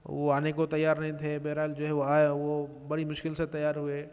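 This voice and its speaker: A man giving a religious lecture, explaining in a measured way with pauses and restarts and mixing English words into his speech. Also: a little high, monotone, darkish tone, smooth. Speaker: religious speaker. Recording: long reverberant echo.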